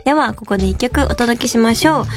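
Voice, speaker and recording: A woman's voice: on the high side, quick pace, music in the background. A young woman co-hosting a radio show, polite and giggly, running the segments. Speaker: radio co-host. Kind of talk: casual radio chat.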